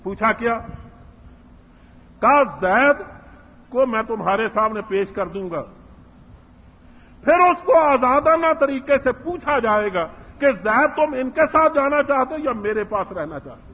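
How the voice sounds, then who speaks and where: A man with a very high, husky voice gives an earnest religious lecture, telling a story and voicing its dialogue. The recording is muffled and carries a long echo from a large hall. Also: lively intonation, long pauses. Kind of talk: Islamic lecture.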